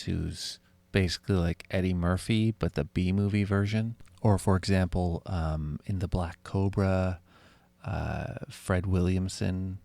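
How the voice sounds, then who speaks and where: Deep gravelly podcast host. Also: male voice, no room sound. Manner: relaxed, with many fillers. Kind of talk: casual film discussion.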